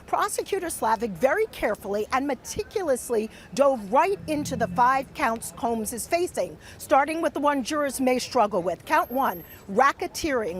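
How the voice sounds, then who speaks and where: High-voiced American woman reporting live. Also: lively intonation, moderate pace, few pauses. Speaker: TV news reporter. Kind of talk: live news report, measured delivery.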